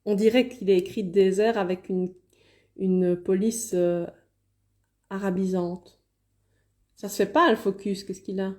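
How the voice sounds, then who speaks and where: Mellow-voiced woman with a Liège accent. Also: medium pitch, fairly even intonation, unhurried, pauses often. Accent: Liège Belgian French. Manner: chatty, apologetic asides, reads viewer comments aloud. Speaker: card reader hosting a live stream. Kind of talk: casual live-stream card reading.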